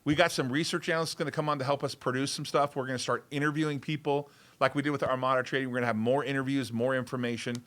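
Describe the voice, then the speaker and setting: Excitable man with a bright, tense voice. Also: mid-range voice, rapid-fire, hardly any pauses. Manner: excitable, rambling, repeats words. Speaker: show host. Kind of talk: casual livestream chat.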